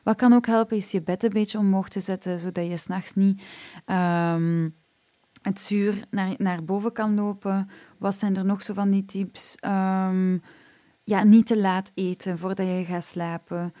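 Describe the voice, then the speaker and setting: A woman's voice: mid-range voice, steady tone, unhurried, warm tone, no echo. A woman with a Flemish accent, a singing teacher chatting casually about vocal health, with frequent filler sounds. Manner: chatty, frequent "ehm" fillers, laughs at herself.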